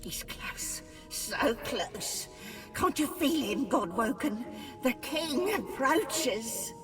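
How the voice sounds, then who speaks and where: An actress playing a dying sorceress's spirit in a video game, weary, desperate and theatrical, pleading with a creaky voice for release. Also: female voice, sits high, big pitch swings, music in the background, heavily acted. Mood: fearful. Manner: slow, theatrical, anguished. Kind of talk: dramatic video game acting.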